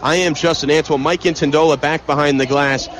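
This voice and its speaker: An American play-by-play broadcaster calls a basketball game live on radio from an arena, energetic and detailed and getting excitable on big plays. His voice is a little high and fairly quick, and there's a slight hiss or hum on the recording.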